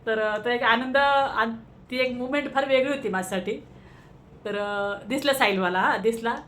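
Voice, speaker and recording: A woman with a Marathi accent speaks in a slightly high, somewhat bright voice at a moderate pace, with a little background noise. She's casually vlogging from home on her phone about something personal, rambling emotionally and using lots of fillers.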